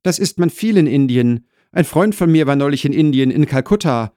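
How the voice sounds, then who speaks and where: A man's voice: a little high, expressive, normal speed, dark tone, no room sound, studio quality, pitched above the performer's own voice, close to an everyday voice. A man voicing an eager, polite, somewhat awkward young student in a comic audiobook.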